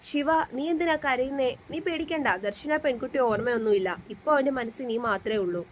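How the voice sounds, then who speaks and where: An earnest young man quietly reassures and confides in a storybook tale, as a woman reader gives him voice. His tone sits fairly high, with a faint hiss of background noise. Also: normal speed, natural voice. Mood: confiding. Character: young man, protective elder-brother confidant.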